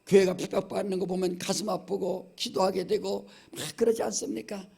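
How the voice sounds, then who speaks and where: A man's voice: high-pitched, flat delivery, a little fast, gravelly, warm tone, slightly rough. A middle-aged male pastor from Chungcheong, with a Chungcheong accent, preaching an emphatic sermon and often prodding the congregation. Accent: Chungcheong Korean. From Chungcheong, Korea. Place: church sanctuary.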